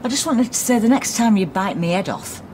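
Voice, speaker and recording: A woman's voice: mid-range voice, expressive, fairly quick, noisy background, close to an everyday voice. An actress playing a feisty, unapologetic woman in a TV soap, with a Northern English accent. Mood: defiant. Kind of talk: naturalistic TV soap acting.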